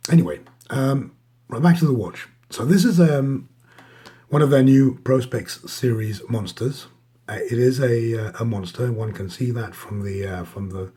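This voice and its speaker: A man giving a casual, hesitant watch show-and-tell, his voice husky, thick and strained from a sore, swollen throat. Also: lowish voice, mellow. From Denmark. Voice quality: husky, raspy. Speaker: watch reviewer.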